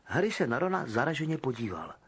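A man narrating an audiobook with expressive storytelling. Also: medium pitch, breathy edge. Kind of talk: scripted narration.

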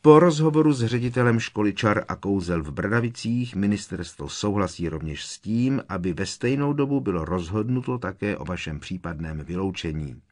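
A man reading a novel aloud as an audiobook narrator, with expressive, measured storytelling. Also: deep voice. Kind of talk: scripted narration.

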